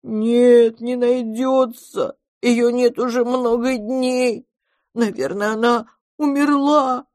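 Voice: mid-range voice, unhurried, no echo, studio quality, pitched above the performer's own voice, close to an everyday voice. A reader voicing a huge, clingy monster child who talks in a tearful, pleading, childlike way in an audiobook. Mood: sobbing. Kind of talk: audiobook character reading.

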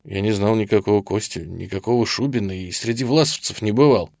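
A man's voice: on the low side, fairly quick, darkish tone, no echo, clean studio sound, lightly acted. A man reading an audiobook, voicing a captive German major who answers in a muted, hollow tone. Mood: guarded. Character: guarded, weary captive German male major.

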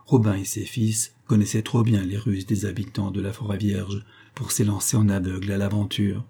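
A man reading a classic adventure novel aloud in a measured, even storytelling manner. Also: lowish voice, husky. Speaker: audiobook reader.

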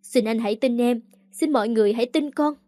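A woman's voice: on the high side, fast, warm tone, no room sound, clean studio sound, natural voice. A woman reading aloud the lines of a young woman who sobs and begs for forgiveness, in a storybook narration. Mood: pleading. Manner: sobbing, pleading. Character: tearful pleading young woman, scheming.

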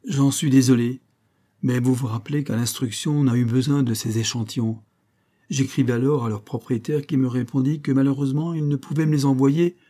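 A man's voice: medium pitch, steady tone, fairly quick, warm tone, voice pushed up, natural voice. A man reading a story aloud, voicing a cold and formal governor. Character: cold, stern colonial governor.

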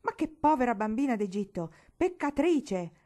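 A woman's voice: fairly high pitch, very animated, moderate pace, pitched above the performer's own voice. A woman voicing a stern, zealous old bearded uncle who thunders his words, in a storybook reading. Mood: thundering. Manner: thundering, shouting.

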